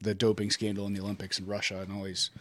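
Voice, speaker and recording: A man's voice: on the low side, very fast, dry recording. A man hosting a podcast, chatting casually and hesitantly with frequent "um"s. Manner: relaxed, hesitant with many "um"s. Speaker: podcast host. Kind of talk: casual interview chat.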